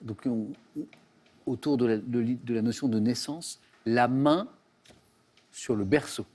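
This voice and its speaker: A man hosting a television quiz show from a studio, reading out questions briskly and chatting with contestants. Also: medium pitch, darkish tone. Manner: brisk, reads questions crisply.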